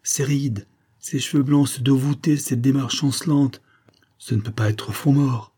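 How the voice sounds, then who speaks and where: A man voicing a brusque, commanding colonel with a high, clipped military voice. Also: steady tone, measured pace, dark tone, husky. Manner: curt, commanding. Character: brusque loud male cavalry colonel.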